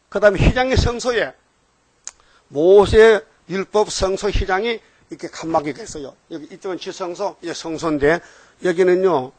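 A man's voice: sits high, no echo. An older man giving an informal, rambling sermon, often checking on listeners with short questions. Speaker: preacher.

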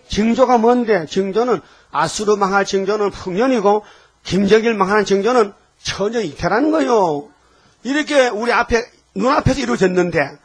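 An older man preaching a fiery sermon as pastor, firing rhetorical questions at the congregation and swinging between shouts and low, hushed lines. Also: slightly rough.

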